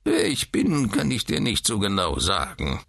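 A man's voice: fairly low pitch, huge pitch swings, normal speed, gravelly, fairly bright tone, no room sound, studio quality, pitched above the performer's own voice, heavily acted. A man voicing a peevish newborn who is seventy years old, with a cracked, quavering voice and a whining manner. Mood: whiny.

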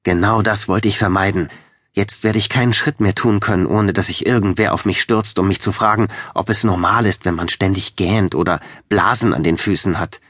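A man's voice: low-pitched, steady tone, moderate pace, fairly bright tone, no echo, clean studio sound. A man voicing an earnest young woman. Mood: exasperated. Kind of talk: audiobook reading.

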